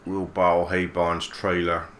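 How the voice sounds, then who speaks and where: Male let's player, deep monotone voice, laid-back musing. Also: measured pace, slight background noise. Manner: relaxed musing, mild swearing. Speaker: gaming channel host. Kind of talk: let's play commentary.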